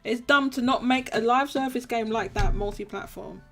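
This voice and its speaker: A woman's voice: a little high, normal speed, music in the background. A woman co-hosting a gaming podcast, talking in casual chat and repeating herself emphatically when worked up. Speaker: podcast co-host.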